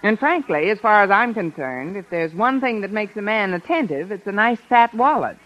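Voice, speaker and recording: An actress playing a dry, sardonic American schoolteacher who acts and narrates in a 1950s radio sitcom. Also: female voice, mid-range voice, lively intonation, moderate pace, natural voice. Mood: wry. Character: wry, wisecracking American woman schoolteacher. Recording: muffled vintage radio recording.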